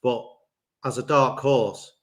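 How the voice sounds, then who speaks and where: A laid-back man co-hosting a casual podcast, telling stories and laughing at them as he goes. His voice is at an ordinary middle pitch for a man. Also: steady tone, takes it slowly, fairly bright tone. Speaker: podcast co-host.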